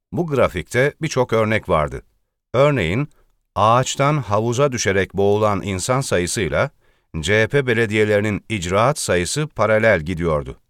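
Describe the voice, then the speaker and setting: Low-voiced man reading a satirical column. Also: dry recording, studio quality. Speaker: reader.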